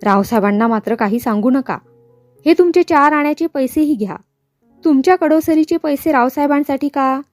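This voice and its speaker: A woman's voice: high voice, normal speed, darkish tone, no echo, faint music behind, natural voice. Woman doing a blustering miserly shopkeeper. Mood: fawning. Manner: blustering, scolding, then fawning. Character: irritable, miserly middle-aged male shopkeeper.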